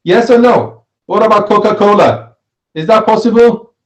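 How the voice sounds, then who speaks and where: A man leads a religious class in a high-pitched voice. He keeps putting questions to his listeners and repeats key phrases for emphasis. The room around him is audibly echoey. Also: normal speed. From Switzerland. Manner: questioning, repeats phrases, adds "right?" often. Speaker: Islamic studies teacher. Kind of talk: interactive religious lesson with question and answer. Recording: roomy, echoey sound.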